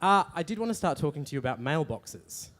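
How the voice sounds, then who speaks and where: A man hosts a live on-stage interview, his voice high and lively, swooping up and down. He is playful and bantering, and speaks into a handheld mic at a festival. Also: quick pace. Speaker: interviewer and host.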